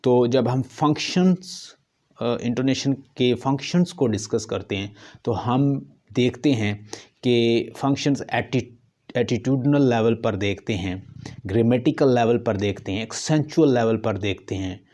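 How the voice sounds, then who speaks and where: Slow, deliberate man. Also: mid-range voice, darkish tone. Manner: slow, deliberate, repeats example sentences with exaggerated stress. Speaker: English teacher. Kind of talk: lecture explaining intonation.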